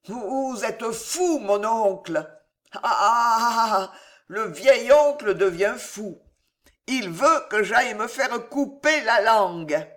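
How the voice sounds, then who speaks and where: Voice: medium pitch, animated, a bit bright, pitched above the performer's own voice. A reader voicing a drunken, greedy young nephew in a French storybook, slurring and drawing out his words. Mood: drunk, whining. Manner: slurred, drawn-out, wailing.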